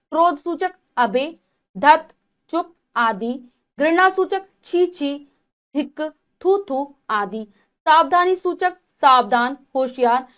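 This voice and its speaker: High-voiced woman teaching a lesson. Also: a bit bright. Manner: explains step by step and addresses children. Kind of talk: classroom grammar lesson.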